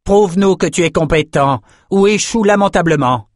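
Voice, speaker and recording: A man's voice: a little high, expressive, normal speed, no echo, studio quality, voice pushed up, natural voice. A man voicing a cruel, domineering woman who owns gladiators, in a scornful, commanding tone in a storybook reading.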